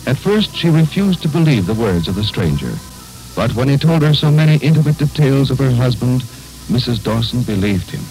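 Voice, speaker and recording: A man giving scripted narration for an old radio serial in a measured, dramatic manner. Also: mid-range voice, very animated, gravelly, a little mellow, soft background music, poor audio.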